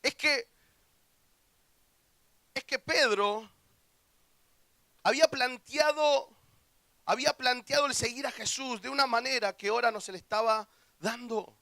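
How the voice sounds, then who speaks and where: A young man with a Rioplatense Spanish accent preaching a lively youth camp sermon, acting out quoted voices and joking with the audience. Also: extremely high pitch, measured pace, gravelly, pauses often, dry recording. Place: church hall.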